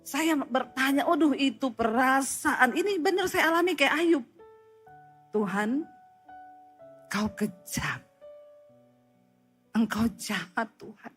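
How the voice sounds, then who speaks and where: High-voiced woman preaching a sermon. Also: husky. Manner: expressive storytelling with sharp rises and drops in pitch and volume.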